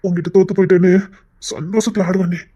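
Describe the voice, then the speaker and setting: A woman acting as a devoted young husband who teases his wife and then pleads his love in a soft voice. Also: on the low side, fairly even intonation, fast talker, background noise, natural voice. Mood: tender. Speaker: actor in a romantic couple skit. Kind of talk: acted romantic dialogue.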